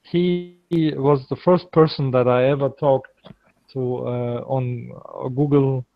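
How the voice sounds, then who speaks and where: A call participant from Germany chats informally in a group video call, pausing and repeating himself while searching for English words. He speaks slowly in a mid-range, fairly even voice, and the audio is dry and dull.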